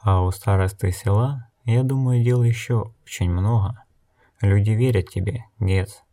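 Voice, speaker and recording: A man reading an audiobook, voicing a calm, blind wandering woman who speaks in a measured, unhurried way. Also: lowish voice.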